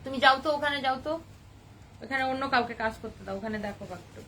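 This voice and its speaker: A young woman hosting a live shopping stream, excitedly gushing over sari colors and reading out buyers' comments. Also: sits high, fast, recorded from a distance, slight background noise. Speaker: live sale host.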